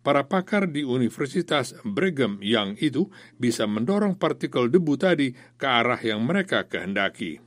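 Male reporter, scripted news narration, animated pitch, dry close sound. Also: no echo.

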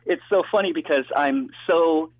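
An American man, a native English speaker, talking casually and haltingly in a phone interview. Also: fairly high pitch. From United States. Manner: halting, searching for words. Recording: muffled dry phone interview line.

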